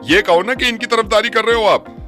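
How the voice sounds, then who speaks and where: A man making a prank phone call, complaining about his in-laws and then arguing loudly. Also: high-pitched, a little fast, soft background music. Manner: complaining, then shouting argumentatively. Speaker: radio prank caller.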